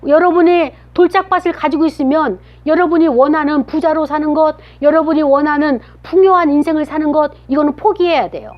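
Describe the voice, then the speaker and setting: A woman's voice: sits high, fairly quick, hardly any pauses. A woman giving a children's sermon, telling a story and asking the children questions as she goes. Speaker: children's pastor. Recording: dull lo-fi recording.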